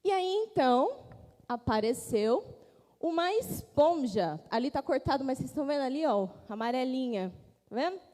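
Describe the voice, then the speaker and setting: Woman telling kids a story at church, high mellow voice, lots of hall echo. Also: moderate pace. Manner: animated, pointing things out. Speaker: children's teacher. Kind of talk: storytelling to children.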